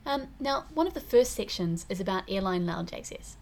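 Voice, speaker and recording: A woman's voice: medium pitch, expressive, moderate pace. A woman with a New Zealand accent co-hosting a podcast, giving frank, opinionated opinions in casual chat. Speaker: podcast co-host.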